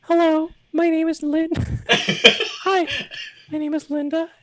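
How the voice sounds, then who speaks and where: A woman putting on a squeaky, chipmunk-like voice as a giggly little boy rambling about candy. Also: little pitch movement, slow, a bit bright, heavily acted. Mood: giddy. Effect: high chipmunk-like squeak. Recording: background noise and clicks.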